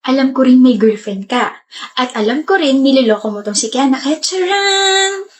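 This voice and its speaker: A woman acting in comedic skits, sharp-tongued and confrontational toward a cheater. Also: high-pitched, steady tone, fairly quick. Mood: gloating. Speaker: lead actress in skits.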